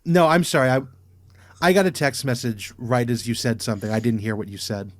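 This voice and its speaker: A man on a podcast, gushing about scenes he loves and tripping over his own starts. His voice sits at a middle pitch and comes through dry and close, with no room sound. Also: a little fast, dry recording. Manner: enthusiastic, stammering restarts. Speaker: podcast co-host. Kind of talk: casual chat.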